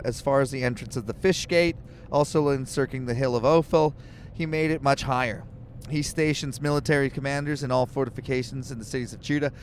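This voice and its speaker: A man with a medium-pitched voice co-hosts a podcast from a moving car, with a little hiss or hum on the audio. He reads scripture aloud, then riffs on it with irreverent jokes and free swearing.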